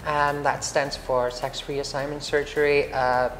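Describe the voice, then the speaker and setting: She's a chatty Icelandic interviewee with a low voice, peppering a casual interview with fillers and restarts. Her pitch barely moves and her pace is measured. Recorded on a lapel mic in a large bright hall with wood screens, the audio has hall echo, faint ambience and slight background noise.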